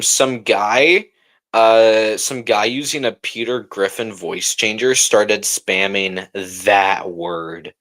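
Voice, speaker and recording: A man running a livestream talks to viewers in a lowish, fairly bright voice. His reactions and chatter are casual and slang-heavy, with "bro" coming up a lot.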